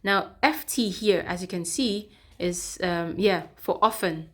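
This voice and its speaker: A woman's voice: on the low side, unhurried. A woman teacher giving a step-by-step pronunciation lesson, repeating sounds and checking in with "okay". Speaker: English teacher. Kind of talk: classroom-style pronunciation lesson.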